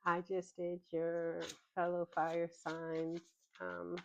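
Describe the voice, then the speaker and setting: A woman giving a casual tarot reading, thinking aloud in an unhurried way with plenty of ums. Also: fairly low pitch, monotone, creaky, slight background noise. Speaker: tarot reader. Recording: slightly dull lo-fi recording.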